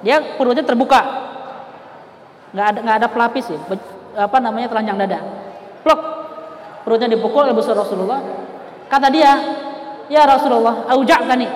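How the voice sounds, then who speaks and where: A man preaching a storytelling sermon, animated and acting out the people he quotes. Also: very high-pitched, fast talker, long pauses, slight background noise. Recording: echoey hall with long reverb.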